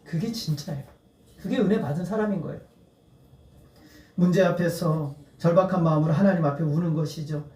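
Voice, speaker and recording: With a fairly high, mellow voice, a male pastor speaks briskly yet leaves long pauses. He preaches earnestly in a church sanctuary, building to emphatic appeals and breaking into laughter. A distant mic captures the echoey hall.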